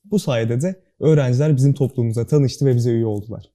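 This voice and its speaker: A young man with a very dark, mellow voice, rattling off earnest interview answers at a brisk pace. His diction is careful and precise, and his manner stays formal and serious throughout. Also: medium pitch. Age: young adult. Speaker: student club board member, guest.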